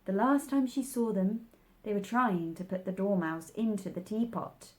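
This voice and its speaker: A woman's voice: medium pitch, moderate pace. A woman reading a children's story aloud as narrator. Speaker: storybook reader.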